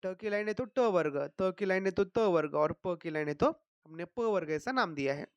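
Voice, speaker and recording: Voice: medium pitch, animated, clear, resonant tone, dry recording. Patient teacher, dry close sound. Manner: patient, repeats each sound slowly, checks in often with "okay, right?". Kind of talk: explanatory lesson.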